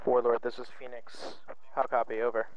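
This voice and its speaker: A man making brisk radio calls in a military sim game, heard over a radio with bursts of static. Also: medium pitch, little pitch movement. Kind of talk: radio procedure talk. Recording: muffled radio with faint static.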